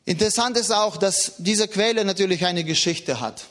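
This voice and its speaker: A man's voice: moderate pace, fairly bright tone. A man preaching a sermon in an earnest, emphatic way, with a foreign accent. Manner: earnest, emphatic, rises and drops in pitch.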